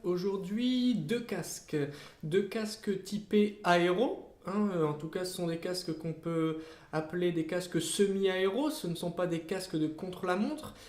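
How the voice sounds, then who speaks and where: A channel host giving a casual product review, often pausing to search for words and correcting himself mid-sentence. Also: medium pitch, darkish tone. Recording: roomy, echoey room sound.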